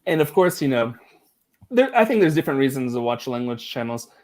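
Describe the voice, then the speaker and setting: Man, livestream host, casual rambling chat, mid-pitched voice, easy laughs. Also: fairly quick. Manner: relaxed, rambling, laughs easily.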